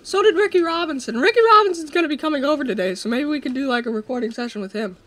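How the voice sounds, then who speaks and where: Extremely high-pitched and talking very fast, a young man hosts a co-op game session from his desk mic. Excitable and jokey, he chats casually as he plays, often trailing off with fillers.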